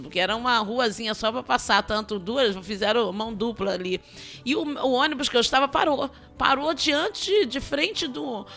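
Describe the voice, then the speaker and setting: A woman's voice: on the high side, bright, forceful tone. A woman with a Brazilian Portuguese accent, a missionary preacher giving an impassioned sermon testimony, repeating phrases and breaking into tongues.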